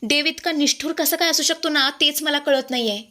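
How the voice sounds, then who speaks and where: Lady doing a sneaky young wife faking tears, sugary and over the top, bright. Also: high voice, fairly quick, voice pushed up. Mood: fake grief. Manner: overacted sweet sorrow. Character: young scheming wife, fake tearful.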